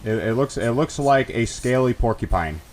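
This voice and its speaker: A man's voice: mid-range voice, expressive, moderate pace, darkish tone. A man co-commentating on a video game in casual banter, with a wry, joking way of talking. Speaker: let's play co-commentator.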